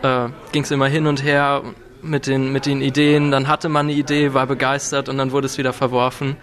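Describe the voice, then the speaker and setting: A man's voice: mid-range voice, monotone, moderate pace, a bit bright. A young man from Potsdam, a student, speaking hesitantly and repeating words. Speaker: student participant.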